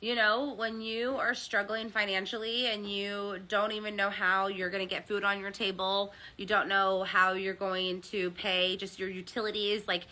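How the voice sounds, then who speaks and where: A woman's voice: medium pitch, level tone, normal speed, hardly any pauses, sharp tone. An American woman, a hairdresser, giving an earnest, confessional testimonial full of ums. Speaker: hairdresser turned seller. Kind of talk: personal testimonial.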